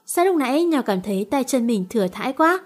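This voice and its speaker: A woman narrator reads a romance novel in a steady storytelling way. Her voice sits somewhat high. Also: brisk. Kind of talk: audiobook novel reading.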